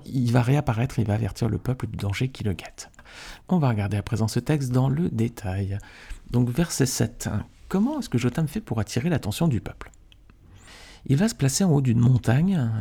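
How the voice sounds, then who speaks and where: A man with a mellow, gravelly and slightly husky voice hosts a Bible study podcast. He teaches in a relaxed, conversational way and keeps turning to his listeners with questions and little tags. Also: mid-range voice. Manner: chatty, asks the listeners questions, often adds "hein".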